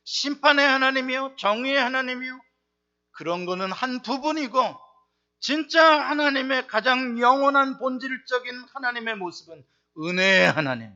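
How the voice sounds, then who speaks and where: A man pastor delivers a sermon in a very high, bright voice. He drives his points home with rhetorical questions and swings from loud bursts to quiet asides. The recording is dull and lo-fi. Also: moderate pace.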